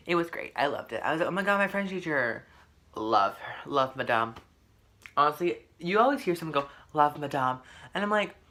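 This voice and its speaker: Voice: mid-range voice, pushed and bright. A teenage vlogger in a casual mukbang chat, sassy and melodramatic, grumbling in mock despair and bragging with mock arrogance.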